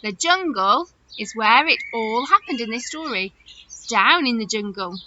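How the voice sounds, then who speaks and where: With an unhurried, high, swooping voice, a woman who teaches children leads follow-up activities to a story, chatting and asking lots of questions. She animates everything with big gasps and a sense of wonder, though the recording is dull, noisy and full of clicks.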